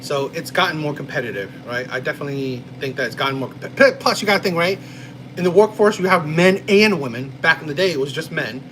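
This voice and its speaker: Jersey streamer dude chatting to his chat, kinda high voice, keeps saying right, ac humming behind. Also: lively intonation, quick pace, noisy background. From New Jersey, USA. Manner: rambling, frequent "right?" and "you know". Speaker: live-stream host reading chat. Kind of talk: casual live-stream chat.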